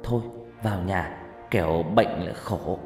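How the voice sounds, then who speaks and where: A man's voice: low voice, normal speed, a little mellow, echoey room, big-room sound, soft background music, voice pushed down. A man voicing a tired, scolding country mother who nags her children. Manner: gruff nagging with tired sighs. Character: weary scolding rural mother.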